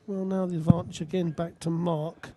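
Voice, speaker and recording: A man's voice: a little high, flat delivery, normal speed, very noisy. A man giving conversational, analytical live darts commentary as a co-commentator. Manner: analytical, addresses his co-commentator.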